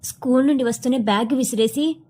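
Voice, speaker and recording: High-voiced woman reading a story. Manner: measured, expressive reading. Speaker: narrator. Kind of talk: scripted story narration.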